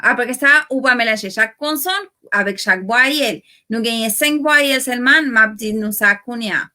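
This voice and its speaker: A woman with a Haitian accent teaching a language lesson, explaining slowly and repeating example words with their stressed syllables. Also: on the high side, pushed and bright.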